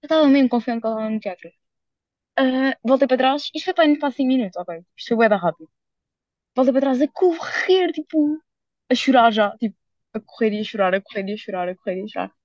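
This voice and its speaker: A young woman with a European Portuguese accent telling a story in casual chat, rushing through it with lots of fillers and slang. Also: fairly high pitch, lively intonation, darkish tone, no room sound, dull audio. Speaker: podcast co-host.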